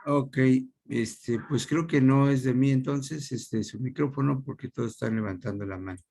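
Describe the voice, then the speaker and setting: A man's voice: medium pitch, moderate pace, creaky, darkish tone, slightly rough. A man teaching an online class, patient and checking often that his students follow. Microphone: computer microphone on video call.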